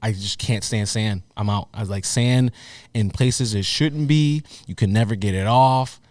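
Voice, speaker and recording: Man, podcast co-host, casual chat, excitable, rambling, lowish voice, dry close sound. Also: normal speed, no echo. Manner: excitable, rambling, laughs often.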